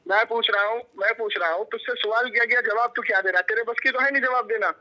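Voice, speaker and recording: A man's voice: extremely high pitch, steady tone, fast, sharp tone. A man in a heated religious debate, taunting and insulting his opponent and throwing down challenges. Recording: tinny lo-fi phone line.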